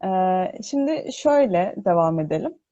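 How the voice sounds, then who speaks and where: Woman with a mellow voice in heavy echo. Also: mid-range voice, very animated. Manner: explanatory, hesitant with thinking pauses. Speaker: host of a religious discussion broadcast. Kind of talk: unscripted religious talk, explaining scripture. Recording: echoing voice, muffled online audio.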